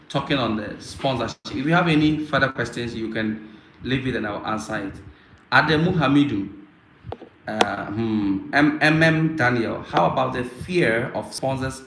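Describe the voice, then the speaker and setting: Male host from Africa, casual live Q&A, halting and repetitive delivery, room echo with faint noise. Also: mid-range voice, fairly bright tone. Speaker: host answering viewer questions.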